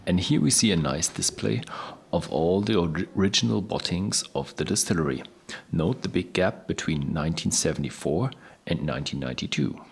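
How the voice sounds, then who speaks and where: A man's voice: deep voice, animated, a little fast, vocal fry. A man presenting a descriptive tour, recorded on location with noise around him. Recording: noisy location sound, background hum.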